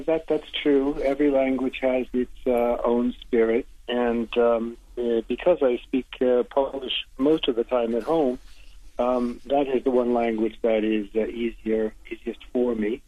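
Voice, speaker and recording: Halting man on a phone line. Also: medium pitch, dry recording. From United States. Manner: halting, full of hesitations and restarts. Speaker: guest, literary translator. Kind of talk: radio interview answers. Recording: tinny phone line, dry.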